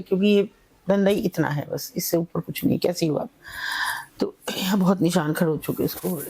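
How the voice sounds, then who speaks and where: A middle-aged woman, a charity founder, telling an emotional story in an interview in a soft, halting way that sometimes drops to a whisper. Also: on the low side. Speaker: guest, founder of a charity for women in red-light areas.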